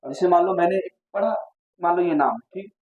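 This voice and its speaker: A man's voice: high voice, fairly quick, a little mellow, poor audio. A young Indian man teaching a physics class in a chatty way, asking questions and telling stories. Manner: chatty, asks students questions and tells anecdotes. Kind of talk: classroom lecture.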